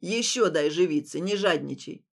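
A woman's voice: on the low side, expressive, normal speed, vocal fry, voice pushed down. A woman voicing a stern grumbling old man. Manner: commanding, grumbling.

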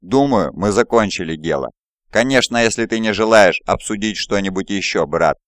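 A man voicing a sly, scheming male primarch in an audiobook, smooth and mocking. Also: on the low side, expressive, moderate pace, no room sound, clean studio sound, lightly acted. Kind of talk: audiobook character voice.

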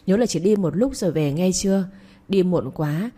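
A woman's voice: lowish voice, animated, normal speed, warm tone, slightly rough. Woman reading as a teasing young husband. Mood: bossy. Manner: bossy, playful, coaxing.

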